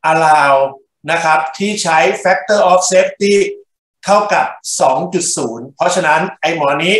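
In an echoey lecture room, a male engineering lecturer works through problems with his class, talking in short bursts and checking in with students. His voice sits high with a fairly bright tone, and there's a little hiss or hum.

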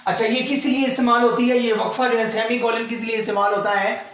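A man's voice: very high-pitched, flat delivery, fast talker, a bit bright. A man teaching an online exam-prep lesson, patiently explaining step by step and fondly calling students "son". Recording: heavy room echo.

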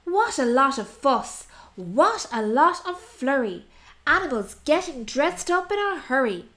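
A woman narrates a rhyming picture book for children in a high, very animated voice. She takes her time, a little slowly, leaning on key words for dramatic, expressive effect.

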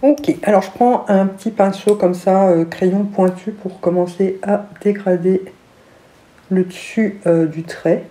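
A woman's voice: medium pitch, steady tone, unhurried, dark tone. A middle-aged woman with a lisp and slushy s sounds, chatting casually through a makeup tutorial. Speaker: beauty vlogger. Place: small room at home, indoors.

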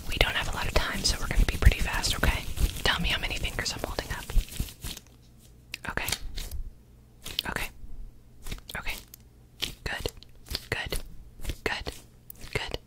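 A young woman in her twenties whispers a fast ASMR role-play as a brisk medical examiner, giving clipped, repetitive instructions close to the mic. Her delivery is quick and clipped with repeated short words, recorded on a desk microphone just in front of her in a small indoor room with a gaming chair.

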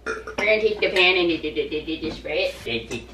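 A woman's voice: sits low, lively intonation, fairly quick, voice pushed down. A woman voicing an elderly Chicago parent with a Chicago accent, exaggerated and stammering as she complains about the old days. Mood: reminiscing. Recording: echoey room from far off, loud noise.

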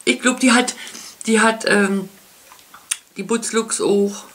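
A woman chatting casually as she unboxes makeup, gushing with many soft whispered asides. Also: mid-range voice, steady tone, slow. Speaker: beauty vlogger.

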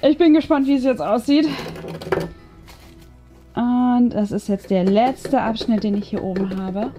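A woman with a warm, medium-pitched voice hosts a craft video, chatting informally and thinking out loud through the steps. Music runs behind her.

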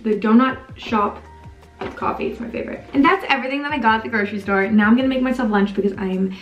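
A woman's voice: on the high side, quick pace, reverberant, lo-fi sound, over music. A woman in her twenties chatting casually to camera in a home kitchen, upbeat and full of "like". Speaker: vlogger. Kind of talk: casual vlog chat.

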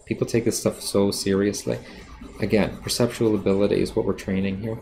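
A man's voice: on the low side, flat delivery, a little fast, creaky, dark tone, slight background noise. A man teaching drawing during a live stream, talking casually and bluntly with lots of fillers. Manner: self-aware about sounding defensive. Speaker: art teacher. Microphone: streaming setup while drawing.

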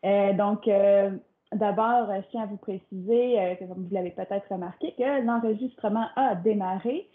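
A young woman moderates an online talk, with many filler sounds between her phrases. Her voice comes through thin and phone-like, as over a weak video call line. She speaks at a middle pitch. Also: moderate pace. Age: young adult. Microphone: computer mic on a video call.

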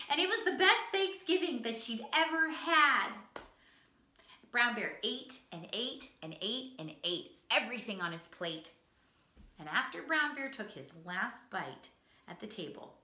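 A woman teaching a preschool music class, telling an animated, expressive story to small children. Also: on the high side, roomy sound.

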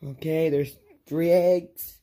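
A woman's voice: low voice, fairly even intonation, slow, mellow, a little hiss or hum. A woman hosting a plush toy show, chattily narrating her toy play and talking to herself. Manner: chatty, talks to herself while acting out play.

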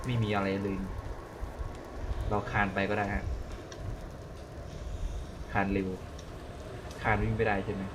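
A man's voice: on the low side, level tone, takes it slowly, pauses often, background noise. A young man keeps up a nervous, chatty commentary while playing a horror game, talking constantly to beat his fear and often crying out in alarm. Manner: jumpy exclaims in alarm. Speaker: gaming channel host.

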